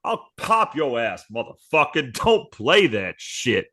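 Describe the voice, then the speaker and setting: A man's voice: medium pitch, big pitch swings, bright, forceful tone, exaggerated voice. A man voicing a brash, profane street guy from Detroit who threatens anyone who talks back. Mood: belligerent. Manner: cocky, profane, quick to threaten.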